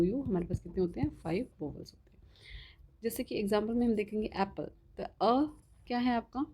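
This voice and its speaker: A woman's voice: mid-range voice, vocal fry, warm tone, slightly rough. A woman teaching a grammar lesson for exam students. She keeps asking the class questions and answering them herself, often checking with "ठीक है?". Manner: spells example words slowly.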